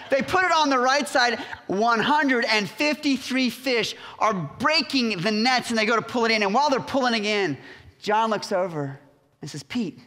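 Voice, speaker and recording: A man preaching a sermon as pastor, retelling the story with lively storytelling and a bit of humor, in a church. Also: high-pitched. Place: church sanctuary. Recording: church hall reverb.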